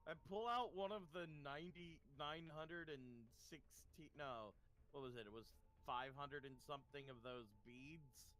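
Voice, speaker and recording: A man's voice: a little high, moderate pace, a bit bright. A man playing a tabletop role-playing game, chatting casually and throwing in brash in-character lines.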